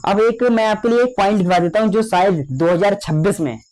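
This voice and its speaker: A young man teaching a biology lecture, slowly spelling out key terms for note-taking and often calling his students children. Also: sits high, darkish tone. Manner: slow, drawn-out dictation of key terms; repeats fillers addressing students as children.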